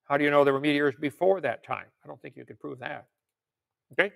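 Older man, preacher, gravelly, slightly high voice, folksy, joking asides, reads questions aloud. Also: quick pace, fairly bright tone. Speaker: preacher and creationist lecturer. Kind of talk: informal teaching sermon with audience questions.

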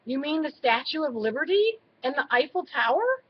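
A woman's voice: sits high, very animated, moderate pace, muffled recording, pitched above the performer's own voice. A woman voicing a shy, careful young male mouse in a storybook reading, speaking hesitantly. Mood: explaining.

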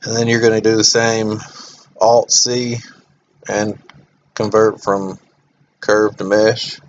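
A man with a monotone voice hosting a software tutorial, talking through each step as he clicks, with some fillers. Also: lowish voice, slow, dull audio, slight background noise. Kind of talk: screen-recorded software tutorial.

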